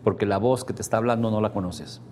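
Speaking fast in a lowish, slightly mellow voice, a man with a Mexican Spanish accent runs a workshop lecture for a live audience in a seminar room, with a bit of hiss or hum on the recording. As the instructor, he keeps things conversational, offering everyday examples and checking that listeners are following.

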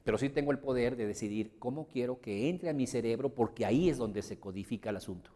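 A man speaks to a roomful of people in a motivational seminar, moving between lively stories and points for the audience. His voice sits in a middle range. A long reverb follows each phrase, as in a large hall. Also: medium pitch, fast. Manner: animated storyteller who acts out quoted voices. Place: large room before an audience.

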